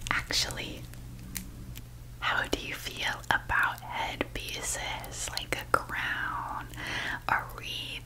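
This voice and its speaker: A woman in a whispered role-play as a fairy designer. Her voice is a soft, breathy whisper, and she speaks slowly and gently. She attends to her customer with an unhurried, delicate manner. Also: rough recording. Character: gentle female fairy designer showing customer clothes and crowns.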